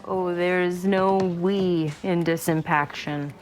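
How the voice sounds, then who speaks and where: Sardonic young woman doctor, lowish voice. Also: steady tone, takes it slowly. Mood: sardonic, brisk. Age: young adult. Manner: sardonic, blunt, clipped. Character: brash, sardonic young female hospital resident doctor. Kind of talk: naturalistic TV medical drama acting.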